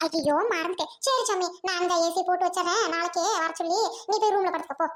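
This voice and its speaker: A doting, scolding mother of grown sons fusses in a very high, piercing voice, played by a woman. She talks in quick, worried bursts in an amateur audio drama. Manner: fussy, scolding yet tender.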